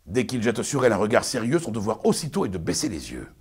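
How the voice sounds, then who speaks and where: A pompous, domineering master , acted by a man, lectures his young bride in classical verse. The delivery is hammy and declamatory, swinging widely in pitch, with a husky edge. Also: huge pitch swings, quick pace, full character voice. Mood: imperious, emphatic. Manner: hammy, declamatory stage acting. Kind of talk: classical French verse theatre monologue.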